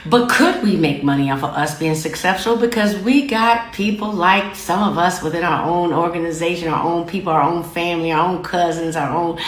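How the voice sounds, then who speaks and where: A woman's voice: fairly high pitch, echoey room. A woman hosting her own show, lecturing her viewers directly in an affectionate but firm way and repeating phrases for emphasis. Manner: affectionate yet lecturing, calls listeners babies and fam. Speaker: host. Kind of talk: direct-to-camera commentary.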